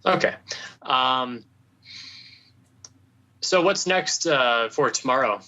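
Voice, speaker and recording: A man hosting a podcast and asking a reporter brisk, plain questions. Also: mid-range voice, expressive, sharp tone. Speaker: podcast host interviewer. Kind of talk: interview questions. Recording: dull lo-fi audio.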